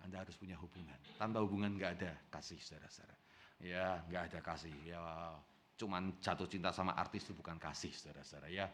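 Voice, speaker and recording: A man preaching a sermon as pastor, with an Indonesian accent, swinging between loud bursts and hushed asides and often calling out to his congregation. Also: deep voice, fast, slight background noise.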